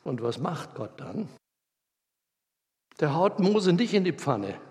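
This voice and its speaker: A man's voice: fairly high pitch, slow. Colloquial male preacher in echoey hall. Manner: lively, colloquial, acts out scenes. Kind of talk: sermon. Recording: reverberant hall.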